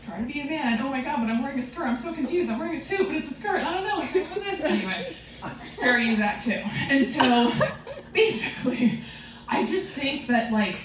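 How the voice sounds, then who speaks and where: Performing before an audience, a comedic storyteller whose first language is Romanian, raised in a Romanian family, spins a rambling, profane, self-deprecating tale and laughs at herself a lot. Her high voice is lively in intonation and brisk. Background noise comes through a distant mic in an echoey live room.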